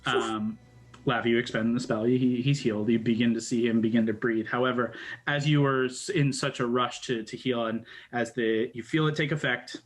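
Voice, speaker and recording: A man narrating a tabletop role-playing game as game master, in halting, dramatic phrases with pauses. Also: mid-range voice, steady tone, low-quality recording.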